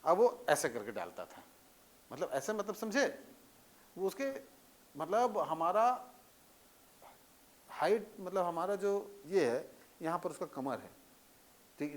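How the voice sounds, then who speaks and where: A man teaching a lecture in a conversational way, often checking that students understand with repeated questions. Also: sits high. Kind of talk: classroom lecture.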